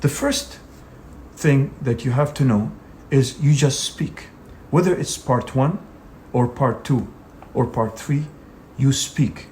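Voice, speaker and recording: In an instructional video lesson, a man coaches students for an English speaking exam, emphatic and direct, with "you know" coming up often. His voice is medium-pitched and somewhat dark, delivered slowly, with a slight hiss or hum in the recording.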